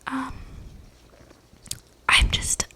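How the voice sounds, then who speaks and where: Very slowly, a woman plays an eccentric, chatty young vampire in a whispered ASMR roleplay, casual and sly, her breathy whisper edged with creak. She rambles in slang with lots of "likes," breathing audibly into a close microphone.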